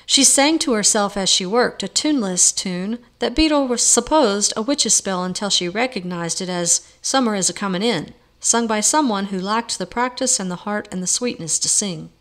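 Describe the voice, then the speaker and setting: Woman, storybook narration, measured, even, audiobook reader. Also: mid-range voice.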